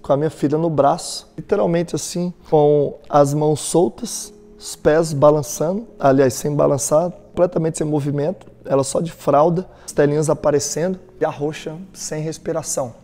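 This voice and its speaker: Emphatic Brazilian man over soft music. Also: on the high side, steady tone, moderate pace, hardly any pauses. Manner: emphatic storytelling, addresses the listener directly. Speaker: motivational speaker. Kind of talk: motivational talk.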